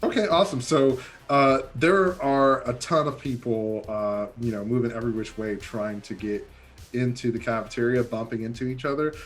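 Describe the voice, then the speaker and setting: A man runs a tabletop game, narrating the scene in a casual, halting way full of ums and uhs. His voice sits in an ordinary middle range. Faint music plays in the background. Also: mid-range voice, fairly even intonation. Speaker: game master.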